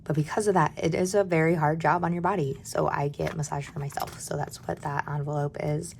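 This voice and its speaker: Brief: woman, 30s, low and gravelly, hoarse from a cold, casual budgeting chat. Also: steady tone, a little fast, a little mellow, a little hiss or hum. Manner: candid and chatty, drops to a near-whisper at times. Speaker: budgeting vlogger. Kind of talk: casual chat while stuffing cash envelopes.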